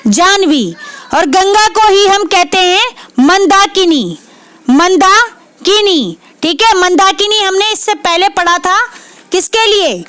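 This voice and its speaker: Very high-voiced woman tutoring vocabulary. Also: a bit bright, no room sound. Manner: repeats each word, asks and answers her own questions. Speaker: Hindi literature exam tutor. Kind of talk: exam prep lesson.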